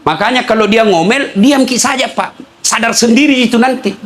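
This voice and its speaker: A man's voice: very high-pitched, normal speed, a bit bright. A man preaching a humorous sermon with a Makassar Indonesian accent, joking and acting out dialogue in changed voices.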